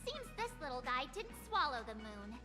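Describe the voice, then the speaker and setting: A brash, spirited young adventurer. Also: female voice, high-pitched, normal speed. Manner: brash, animated, teasing. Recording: reverberant game audio with music.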